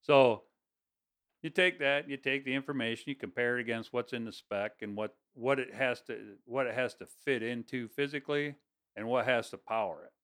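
A man who works on construction and plant projects talks about his job as a guest in a casual interview, rambling, restarting often and laughing easily. His voice is medium-pitched and fairly bright, at a moderate pace.

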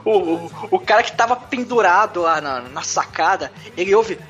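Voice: mid-range voice, lively intonation, normal speed, fairly bright tone, soft background music. A co-host narrating a horror film plot in casual chat, acting out characters with exaggerated voices. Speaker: podcast co-host. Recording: dull lo-fi recording.

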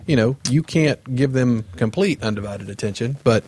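A man's voice: mid-range voice, normal speed, darkish tone, slightly rough, no echo, clean studio sound. A middle-aged man co-hosting a casual podcast, talking earnestly and thoughtfully. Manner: earnest, thoughtful, some restarts. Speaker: podcast co-host. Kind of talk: casual chat.

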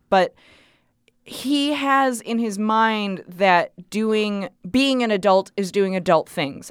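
A woman's voice: mid-range voice, clean tone, no room sound, clean studio sound. A woman co-hosting a podcast, talking in an upbeat, chatty way. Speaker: podcast co-host. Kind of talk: casual podcast chat.

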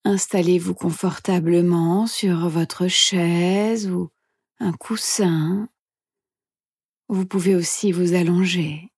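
A woman leads a guided meditation very slowly in a soothing, breathy near-whisper. Her tone is mellow and rather low, with soft pauses between phrases. The sound is close and dry. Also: fairly even intonation, dry recording. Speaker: meditation instructor and podcast host.

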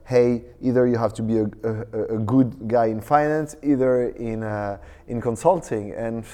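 Speaking a little slowly in a steady, dark, mid-range voice, a man in his thirties from France is interviewed casually at a tech conference. A startup co-founder with a French accent, he hesitates often, using many fillers and restarting sentences, and the audio has a big-room sound.

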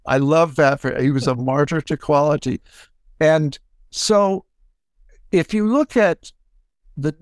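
An older man, a music professor, giving a reflective, halting acceptance talk full of pauses and restarts. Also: mid-range voice, no echo, studio quality. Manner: halting, many fillers and restarts. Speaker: award recipient, music professor.

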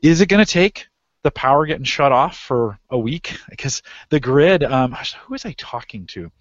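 A man's voice: mid-range voice, expressive, moderate pace, no echo, lo-fi sound. A man hosting a casual discussion, talking in loose, rambling sentences full of restarts and fillers. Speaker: podcast host.

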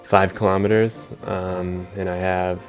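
A man's voice: deep voice, flat delivery, a little slow, soft background music. A man hosting a podcast, speaking casually and hesitantly with many fillers. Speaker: podcast host.

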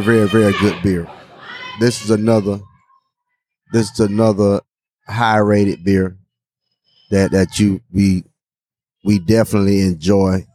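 A man's voice: lowish voice, a little mellow, no echo. A man hosting a podcast in casual chat, who often repeats words and restarts phrases. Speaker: podcast host. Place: outdoor brewery event.

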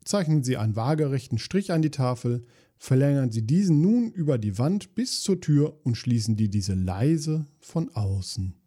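A man's voice: mid-range voice, expressive, moderate pace, mellow. A man hosting a podcast, reading jokes aloud in a dry, weary, self-mocking way, with asides between them.

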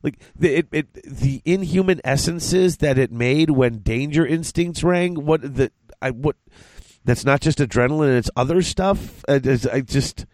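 Male podcast host, stuffy from a cold, halting and rambling, dry recording. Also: on the high side, a little mellow, no room sound. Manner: rambling, halting, many restarts. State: congested from a cold. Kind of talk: casual podcast chat.

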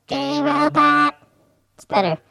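A man's voice: extremely high pitch, slow, gravelly, pushed and bright, voice pushed up, full character voice. A man talking through a metallic robot voice changer, joking around as a crude robot on a comedy podcast. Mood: deadpan robotic. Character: goofy crude male robot. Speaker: podcast co-host. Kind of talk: casual comedy podcast banter.

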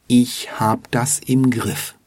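Narrator playing a cocky young learner driver, offhand and slow-spoken, husky. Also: male voice, medium pitch, little pitch movement, a little mellow, dry recording. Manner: casual, offhand.

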